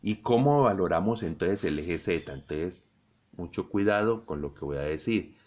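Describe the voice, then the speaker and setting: A middle-aged Colombian man teaching a physics lesson, explaining slowly and deliberately to his students. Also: low voice, lively intonation, a little mellow. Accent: Colombian Spanish. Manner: slow, deliberate explaining, addresses students directly. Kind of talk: recorded classroom lesson.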